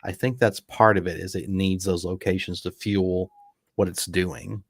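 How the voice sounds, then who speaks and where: A podcast co-host with a low, creaky voice chats at a moderate pace in a casual movie commentary, rambling in a relaxed way and restarting often. There's no echo on the recording.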